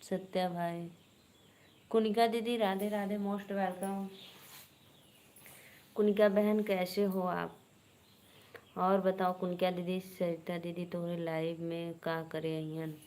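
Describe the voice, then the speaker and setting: A woman's voice: lowish voice, little pitch movement, takes it slowly, long pauses, darkish tone. A woman with an Awadhi accent hosting a live stream, chatting casually and teasingly with viewers and greeting them by name.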